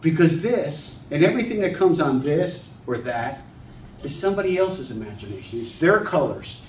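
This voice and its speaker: An older man telling stories to a writers' group in a plain-spoken, animated way. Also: fairly high pitch, normal speed, recorded from a distance. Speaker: author and guest speaker. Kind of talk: folksy storytelling talk to a writers' group. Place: meeting room. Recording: echoey room, mic from afar, faint hiss.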